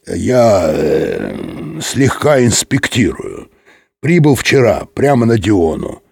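A man voicing a self-important general inspector who gives radio orders in an authoritative, pausing manner. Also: fairly low pitch, sing-song, creaky, darkish tone, husky, no echo, clean studio sound, full character voice. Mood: commanding.

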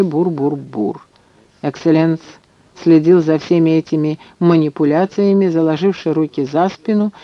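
A man reading an audiobook in measured, scripted narration. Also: high-pitched, no room sound, lo-fi sound.

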